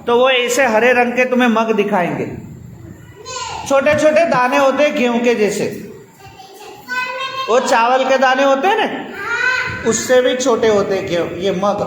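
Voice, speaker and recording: Slow, patient teacher in echoey classroom. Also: female voice, a little high, lively intonation. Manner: patient, repeats words, coaxing questions. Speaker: primary school teacher. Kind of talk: classroom teaching to young children. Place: large school classroom. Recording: roomy echoey classroom, loud noise. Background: children's chatter.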